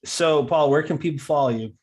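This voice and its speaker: A man with a slightly raised pitch hosts a podcast in a loose, casual way. He swears freely and laughs easily. His talk is relaxed and jokey. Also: a little fast. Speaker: podcast host. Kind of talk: casual interview chat.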